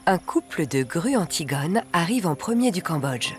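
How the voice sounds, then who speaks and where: A narrator reading a scripted nature documentary in a measured, articulate way. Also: mid-range voice, sing-song. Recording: background music under the voice. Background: music.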